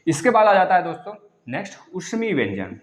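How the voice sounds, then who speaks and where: Male tutor, somewhat raised pitch, drills terms over and over, roomy echo. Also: big pitch swings, a little fast. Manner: instructive, repeats key terms, addresses students as friends. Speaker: teacher. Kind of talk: online exam-prep lesson. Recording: echoey room.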